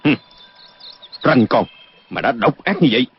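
An actor playing a stern, commanding martial-arts hero, cool and firm, in a dull lo-fi recording with faint noise. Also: male voice, mid-range voice, very animated, unhurried, breathy edge, heavily acted. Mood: cold. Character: stern heroic male warrior in his prime.

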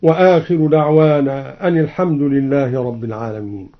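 Man explaining scripture readings, dull old radio. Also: mid-range voice. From Egypt. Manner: measured, precise, switching between plain explanation and slow chanting. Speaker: Quran reciter and teacher. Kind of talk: explaining variant readings, then chanting examples.

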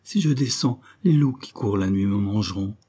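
Timid orphan boy, pleading, dark husky tone, from a male reader. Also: fairly low pitch, animated, moderate pace.

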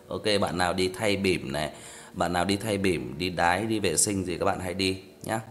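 A man's voice: deep voice, normal speed, soft background music. A man who reads stories on a livestream, chatting casually and repeating himself as he talks straight to his listeners. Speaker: story reader on a livestream.

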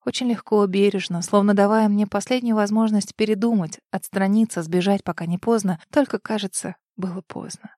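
A woman narrating a first-person romance novel as an audiobook, intimate and expressive, sometimes dropping to breathy whispers. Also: mid-range voice, fairly quick, few pauses, dry recording, clean studio sound.

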